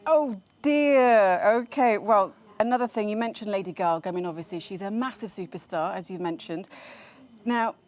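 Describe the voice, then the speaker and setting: A woman news anchor presenting a live news bulletin and interviewing correspondents in a brisk, conversational way. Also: medium pitch.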